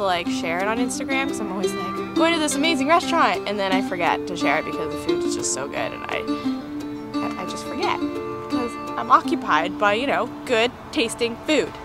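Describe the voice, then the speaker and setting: A woman vlogging with casual, enthusiastic chat at an outdoor restaurant garden, recorded on a handheld camera. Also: mid-range voice. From Canada. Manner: chatty and enthusiastic, talks with mouth full. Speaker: travel vlogger.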